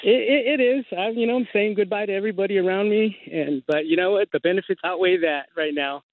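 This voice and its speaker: A man's voice: high-pitched, fast, dry recording. A man calling in to a radio show who speaks plainly, with lots of fillers. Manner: plain-spoken, with many fillers. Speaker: caller. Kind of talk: call-in conversation. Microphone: phone line. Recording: tinny phone line.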